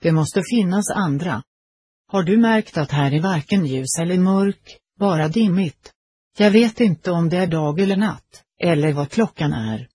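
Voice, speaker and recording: A man's voice: sits high, lively intonation, darkish tone, husky, no echo. A man reading as a big bewildered dead soldier. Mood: anxious. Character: big frightened newly dead male soldier.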